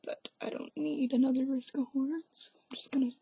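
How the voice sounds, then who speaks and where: Young woman whispering a craft how-to at home, high voice w/ a gravelly edge, jokes at herself. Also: flat delivery, normal speed, dark tone, lo-fi sound, slight background noise. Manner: self-deprecating, offhand asides. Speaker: craft tutorial maker. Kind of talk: whispered hands-on craft tutorial. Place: at home, quiet indoors.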